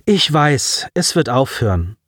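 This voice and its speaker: A man's voice: mid-range voice, big pitch swings, measured pace, a bit bright, husky, no echo, clean studio sound, voice pushed up, heavily acted. A male narrator voicing a grieving young man in a sci-fi audiobook, tearful yet firm. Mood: resolute.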